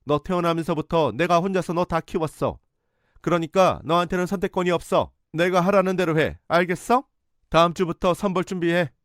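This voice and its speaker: A man's voice: on the high side, fast talker, clean tone, no room sound, clean studio sound, pitched above the performer's own voice, close to an everyday voice. A man voicing a domineering middle-aged mother who scolds imperiously.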